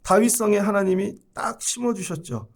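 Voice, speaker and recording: A man's voice: sits high, normal speed. A middle-aged male pastor preaching at a Friday prayer service in a conversational way, voicing God's lines in casual everyday speech.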